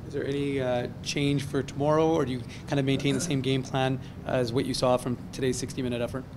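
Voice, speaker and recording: A male reporter fires off questions at a brisk pace, one clause running into the next. Clear background noise sits under his voice. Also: mid-range voice, little pitch movement. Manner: quick, running questions together. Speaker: sports reporter. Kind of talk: post-game press questions.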